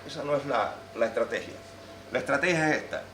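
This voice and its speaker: A man's voice: mid-range voice, fairly quick, a little hiss or hum. Man lecturing in an echoey church. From Venezuela. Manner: animated, humorous teaching, addresses audience. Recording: roomy church echo.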